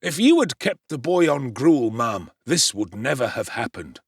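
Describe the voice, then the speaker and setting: A man voicing a pompous, self-important male parish beadle who lectures with slow, stern emphasis. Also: medium pitch, big pitch swings, husky, no room sound, studio quality, exaggerated voice.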